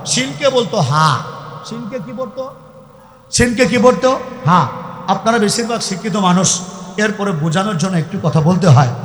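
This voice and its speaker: High-pitched shouting man preaching. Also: normal speed. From Mymensingh region, Bangladesh. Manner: shouting, call-and-response questions to the audience. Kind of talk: Islamic sermon to a crowd. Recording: echoey hall reverb from PA.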